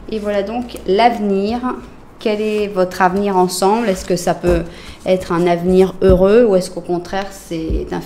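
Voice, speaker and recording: A tarot reader with a French accent and a mid-range voice does a casual reading, addressing her viewers directly in a chatty way with lots of fillers. As she lays out the cards she often drops to a soft murmur, and there's a little hiss or hum on the recording.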